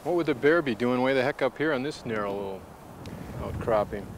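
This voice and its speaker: A man hosting an outdoor show hikes across open coastal tundra, chatting casually and asking curious, folksy questions. His mid-range voice moves briskly, with a slight hiss or hum on the recording.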